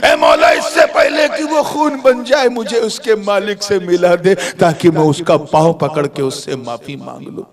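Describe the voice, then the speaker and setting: A man's voice: fairly even intonation, measured pace, vocal fry, few pauses, crowd noise. A man voicing a desperate, remorseful young man of about twenty who cries out and begs for forgiveness. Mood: anguished pleading. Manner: cries out pleading, high and shouted.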